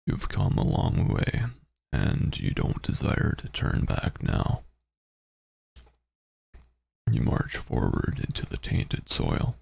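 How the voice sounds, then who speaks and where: A man streaming a game, reading its story text aloud and adding halting, muttered casual commentary. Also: big pitch swings, darkish tone. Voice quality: very deep, gravelly, husky.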